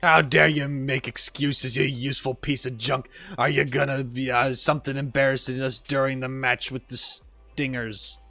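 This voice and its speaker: A man's voice: mid-range voice, level tone, moderate pace, vocal fry, bright, forceful tone, dry recording, soft background music, pitched below the performer's own voice. A man voicing a blustering male robot soccer coach who scolds and insults his player. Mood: scolding. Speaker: streamer reading game dialogue aloud. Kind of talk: voice acting game dialogue on stream.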